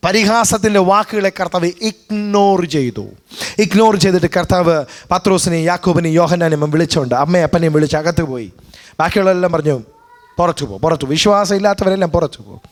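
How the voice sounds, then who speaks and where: A man's voice: high voice, a little fast. A man preaching a sermon as pastor, with a Malayali accent, switching between two languages and punctuating his points with hallelujahs and amens. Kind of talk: bilingual sermon.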